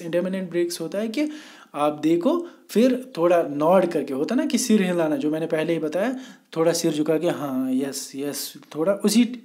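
Man, high and mellow, patient classroom lecturer who keeps checking that students follow. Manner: explains slowly, often asking "theek hai?". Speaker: teacher. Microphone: voice only, no camera.

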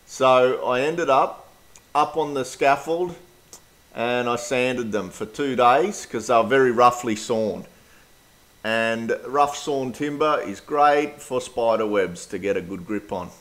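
A middle-aged Australian man talks through a house renovation in a relaxed vlog. His delivery is practical and plain-spoken. His pitch sits in a middle range. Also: slow pace. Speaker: DIY renovator. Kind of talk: casual renovation vlog narration.

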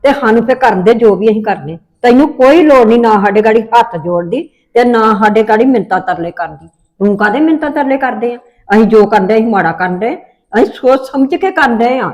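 A woman's voice: a little high, animated, fairly quick, a little mellow. A middle-aged woman with a Punjabi accent, acting a firm, scolding mother in a family drama.

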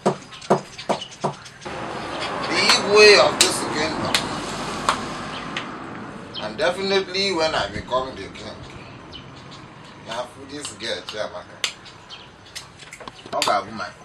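A man's voice: medium pitch, animated, slow pace, pauses often, very noisy. A man with a Nigerian accent playing a boastful young man who schemes to become king. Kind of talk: film acting. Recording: distant mic, loud outdoor ambience.

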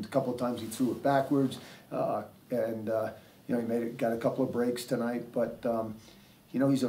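A man's voice: medium pitch, dark tone, far from the mic. An older man, a head coach, answering press questions after a game, rambling with many fillers and restarts. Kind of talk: postgame press conference answers. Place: press room with sponsor backdrop, seated at table. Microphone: table mic, heard from a distance.

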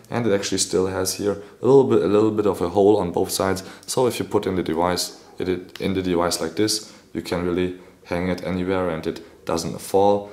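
Hoarse low-voiced man reviewing a phone. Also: a little mellow. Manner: rambling, fillers, non-native phrasing. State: hoarse, clearing throat. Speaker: tech reviewer. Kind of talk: casual product review.

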